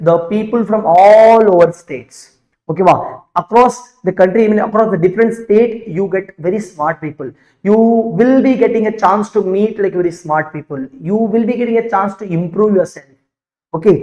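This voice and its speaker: A man's voice: high voice, warm tone, low-quality recording. A man with a South Indian accent teaching students in an emphatic, repetitive way, often putting questions straight to them as an exam coach. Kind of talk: live motivational lesson to students.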